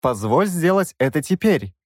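A headstrong young princess, as a male narrator puts her on, her commanding voice lifted high and swinging freely. She barks demands and cuts others off in a dry, close studio sound. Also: very animated, moderate pace, no echo. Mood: coolly formal. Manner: demanding, sharp retorts.

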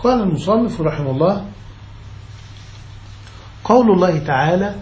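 Man, sheikh teaching grammar, slightly high voice, mellow tone, patient step-by-step explanation. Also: animated, normal speed, echoey room, poor audio. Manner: explains step by step, keeps asking his students whether they follow. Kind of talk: classical Arabic grammar lesson.

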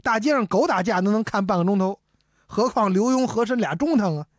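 A woman telling a traditional comic story, animated and speaking straight to her audience. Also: mid-range voice, fairly quick, no echo, clean studio sound. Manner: animated, addresses the audience directly.

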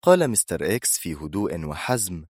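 A man's voice: low voice, a little fast, dry recording, studio quality. A man reading a thriller aloud in scripted, dramatic narration. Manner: dramatic, expressive storytelling.

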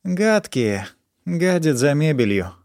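A man's voice: big pitch swings, takes it slowly, darkish tone, no echo, studio quality, full character voice. Man voicing a jittery stoned young woman. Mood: disgusted. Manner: shrill outbursts, rambling repetition. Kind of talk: audiobook character voice.

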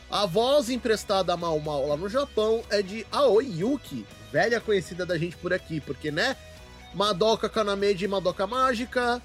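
A man with a Brazilian Portuguese accent hosting a podcast, chatting in a laid-back, slangy way and steering the discussion. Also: sits high. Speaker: podcast host. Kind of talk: casual chat.

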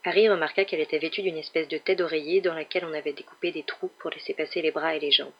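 A woman narrating a novel in a steady, measured storytelling voice. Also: low voice, husky, dull audio. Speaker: audiobook narrator. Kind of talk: scripted narration.

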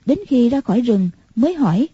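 A woman narrating a martial-arts novel in a steady, measured way. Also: a little high, husky, dry recording. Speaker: audiobook narrator. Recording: muffled lo-fi recording.

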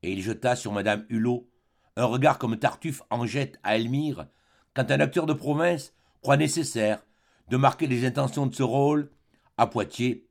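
A man with a mid-range voice reads a classic novel aloud as an audiobook narrator, measured and expressive.

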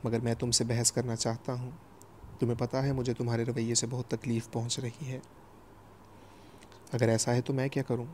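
A man's voice: mid-range voice, flat delivery, long pauses, darkish tone, a little hiss or hum, close to an everyday voice. A man voicing a worried young husband who speaks earnestly and pleadingly. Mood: insistent.

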